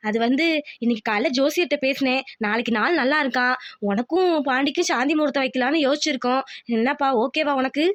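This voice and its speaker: A woman voicing a bossy, scheming village mother-in-law in a cartoon, talking quickly and insistently. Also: sits high, lightly acted. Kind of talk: cartoon voice acting.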